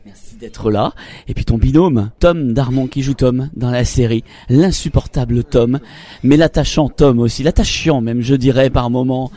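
A man's voice: medium pitch, moderate pace, warm tone. A man hosting a chatty broadcast interview in an effusive, complimentary manner. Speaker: interview host.

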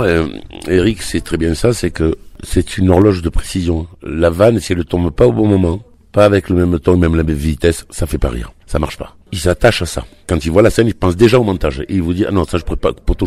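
Un acteur qui raconte des anecdotes de tournage avec entrain et humour, lors d'une interview de promotion. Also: male voice, low-pitched, a little fast, no room sound. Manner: animated, jokey storyteller. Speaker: actor. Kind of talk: press junket chat.

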